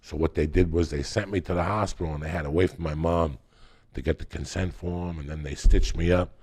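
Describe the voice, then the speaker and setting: A middle-aged man with a deep, husky, darkish voice talks briskly and steadily, spinning wild stories in a casual, profane podcast chat. He rambles, swears, and keeps breaking into laughter as he tells them.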